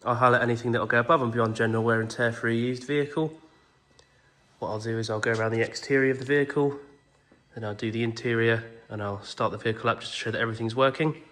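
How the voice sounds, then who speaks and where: This walk-around video features a car salesman with a cold going over a pick-up's condition outdoors, plain and methodical and reassuring. His mid-range voice is fast and fairly bright, with a flat delivery. Echo and faint noise color the recording.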